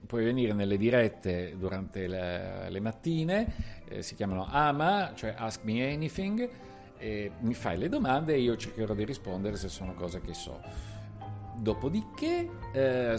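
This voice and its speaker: A man hosting a tech podcast, chatting casually and thinking aloud as he clicks through software. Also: mid-range voice.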